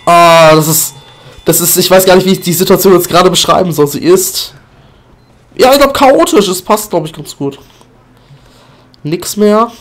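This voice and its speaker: A man giving live commentary over his own gameplay, excitable and goofy, often breaking into high-pitched yelps and sing-song chants. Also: normal speed, pauses often. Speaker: gaming commentator.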